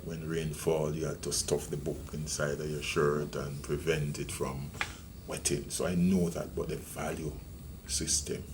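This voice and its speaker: A Jamaican-accented man in his sixties, a retiring police deputy commissioner, reminisces about his rural childhood in a reflective interview. His very deep voice stays flat and measured, full of ums and restarts, with background noise audible.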